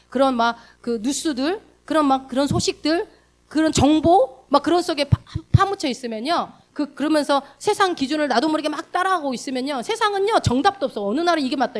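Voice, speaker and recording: A woman pastor preaching a sermon in a casual, direct way, asking the congregation questions and swinging from loud emphatic bursts to hushed soft asides. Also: high-pitched. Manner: laughs during delivery. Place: church sanctuary.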